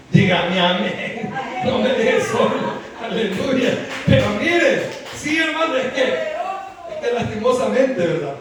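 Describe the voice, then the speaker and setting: A man preaching a sermon, animated and constantly calling on the congregation with "brother" and "right?" as he teaches. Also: sits high, a little hiss or hum. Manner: animated, keeps calling on the congregation with "hermano" and "¿verdad?". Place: church hall. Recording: very echoey hall picked up from far off.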